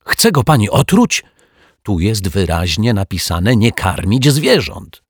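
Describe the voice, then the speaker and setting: A man's voice: lowish voice, animated, normal speed, vocal fry, breathy edge, no room sound, clean studio sound, full character voice. A man voicing a fussy, grumpy grown detective who scolds and huffs with indignation in a children's story. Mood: indignant.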